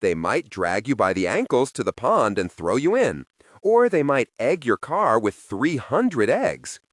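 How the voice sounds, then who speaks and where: A man narrating a first-person audiobook in a wry, expressive storytelling manner, close to the microphone. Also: mid-range voice, unhurried, no room sound.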